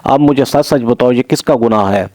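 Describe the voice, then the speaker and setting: A man's voice: mid-range voice, a little mellow, dry recording, close to an everyday voice. A man voicing an angry, hurt older brother who confronts his sister, read in a plain storytelling voice. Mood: stern. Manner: stern, bitter.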